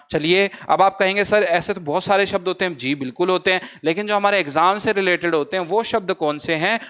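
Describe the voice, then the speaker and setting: A man teaching exam grammar. He keeps putting questions to his students, answers them himself, and calls his listeners brother. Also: high voice. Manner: asks the class a question, then answers it himself; lively, teasing, lightly humorous. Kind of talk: exam-prep grammar lesson.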